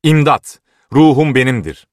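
A frantic, half-mad old clockmaker, as a male audiobook narrator puts him on, crying out in anguish. The voice is pushed up high and strained. It sounds close and dry, with no room around it. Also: animated, moderate pace, no room sound. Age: older. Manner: anguished shouting.

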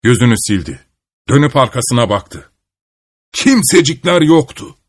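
A man telling a folk tale aloud in a steady, even storytelling way. His voice sits at an ordinary mid pitch. The recording is dry and close, without any room echo. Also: unhurried.

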